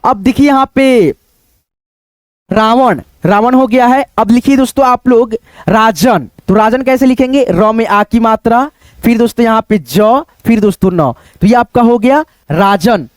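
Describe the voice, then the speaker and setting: A man teaching Hindi writing online, dictating words slowly and breaking them into syllables, often checking in with his students. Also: extremely high pitch, no echo. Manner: slow, patient dictation, repeating words syllable by syllable; keeps checking in with "ठीक है" and "दोस्तों".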